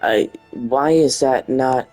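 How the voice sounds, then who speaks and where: This Dutch-accented man, from the Netherlands, comments on gameplay at an unhurried pace, keeping things casual with brief, emphatic bursts of speech. Soft music sits beneath his darkish, mid-pitched voice.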